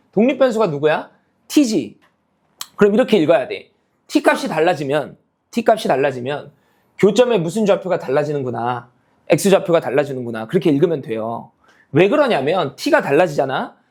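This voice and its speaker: A man teaches math to students in a lively, sing-song voice that rides up and down. He speaks in a relaxed half-casual way and keeps asking whether they follow. His voice sits fairly high for a man. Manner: constantly checks understanding with tag questions; calls himself teacher, half-casual speech. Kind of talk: online math lecture.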